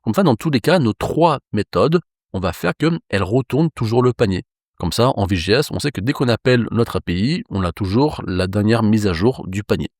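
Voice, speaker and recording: French guy explaining code in a screencast, lowish voice that jumps around a lot, easygoing and reassuring. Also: fairly quick, no echo, clean studio sound. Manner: relaxed, reassuring explainer with verbal fillers. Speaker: programming instructor. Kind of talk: screencast coding lesson.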